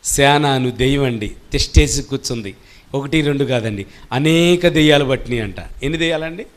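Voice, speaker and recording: A man's voice: mid-range voice, fairly quick. A man preaching a sermon as pastor, constantly asking questions of the congregation and answering them himself. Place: church service.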